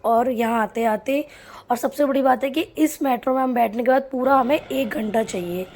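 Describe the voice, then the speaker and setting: A woman's voice: a little high, normal speed, darkish tone, slight background noise. A young woman from Agra, India, narrating her day in a chatty casual vlog and talking straight to her viewers. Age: young adult. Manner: chatty, addresses viewers directly. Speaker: vlogger.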